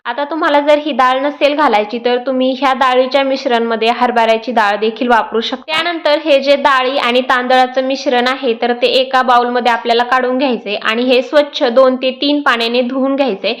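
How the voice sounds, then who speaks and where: A woman's voice: high voice, steady tone, brisk, hardly any pauses, fairly bright tone. A young woman, a mother, explaining a homemade baby food recipe step by step in her home cooking vlog. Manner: sing-song baby talk to her child. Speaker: vlogger mother.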